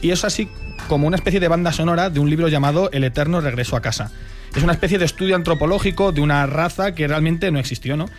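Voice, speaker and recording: A man's voice: a little high, fast talker, soft background music. A man presenting a radio segment in a studio, enthusiastic and jokey, often adding tag questions. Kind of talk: chatty radio talk segment. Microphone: studio microphone.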